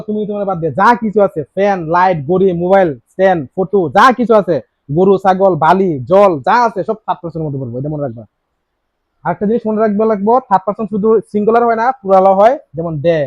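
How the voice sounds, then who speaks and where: A man's voice: sits high, quick pace, no echo. A man teaching a grammar lesson in with a tinge, quizzing his students with many questions and repeating key words. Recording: dry, slightly dull lo-fi sound.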